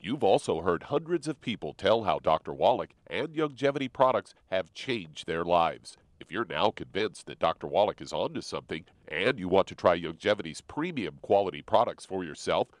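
Smooth low-voiced man radio host. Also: sing-song, dry recording. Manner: smooth, measured, slow on repeated numbers.

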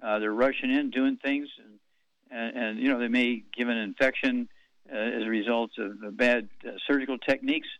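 A man's voice: medium pitch, fairly even intonation, no echo. An older man in his eighties talks through a radio monologue, drifting from point to point and padding it with fillers. The sound is dry and close. It also has a muffled, lo-fi broadcast tone. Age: 80s. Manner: rambling, slow, reads out figures with many fillers.

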